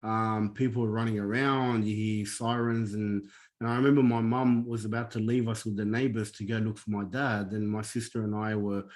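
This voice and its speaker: Appearing as a podcast guest, a Lebanese-born man whose native language is Arabic tells his life story candidly and earnestly, with many ums and restarts. His voice is lowish and level in tone, at a moderate pace.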